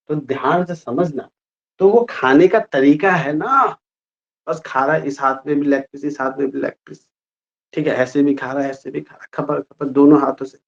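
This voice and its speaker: A man teaching a grammar lesson to a class in a lively, playful way, often asking the students questions. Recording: muffled low-fidelity sound.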